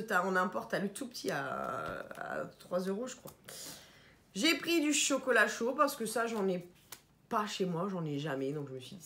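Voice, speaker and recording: A woman vlogging casually about her shopping haul, chatty and animated, stumbling over foreign words, and sounding tired. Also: mid-range voice, slight background noise. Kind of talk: casual haul vlog chat.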